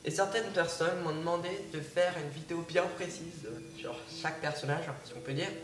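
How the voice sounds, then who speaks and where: A man who makes gaming videos narrates a card game casually despite having a cold, stumbling through fillers and restarts. His voice is on the high side and fairly quick. Captured from a distance and off-mic, the audio has room echo and music behind it.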